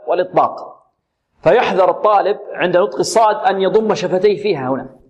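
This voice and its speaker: A man teaching Quran recitation, patiently repeating syllables slowly and asking and answering his own questions. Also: high-pitched, dull audio. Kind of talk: tajweed lesson with recited examples.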